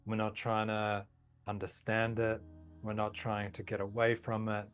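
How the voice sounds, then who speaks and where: Low-voiced guy calmly walking you through tapping, soft music in the back. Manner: calm, slow, soothing guidance. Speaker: tapping practitioner. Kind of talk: guided tapping session.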